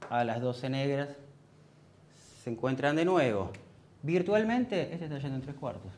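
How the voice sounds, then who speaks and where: A man's voice: mid-range voice, expressive, unhurried, a little mellow. A man with a Rioplatense Spanish accent teaching music theory, explaining meter and counting beats aloud. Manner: counts beats aloud over piano playing. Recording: piano playing behind the voice.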